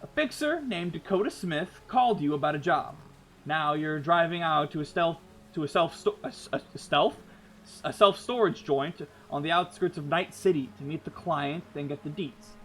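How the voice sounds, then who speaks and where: A man running a tabletop game reads scene-setting narration in a measured, dramatic way over a mic that keeps cutting out and sounding robotic. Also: fairly high pitch, fairly bright tone, a little hiss or hum. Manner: dramatic, measured read-aloud delivery. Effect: choppy, robotic mic audio that keeps cutting out. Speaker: game master. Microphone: desk mic on an online voice call.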